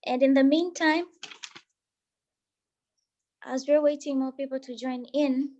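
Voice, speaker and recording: A woman's voice: high-pitched, steady tone, measured pace, a little mellow, dull audio, slight background noise. A woman from Tanzania, hosting an online meeting and welcoming people as they join the video call. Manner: reads out participants' chat greetings.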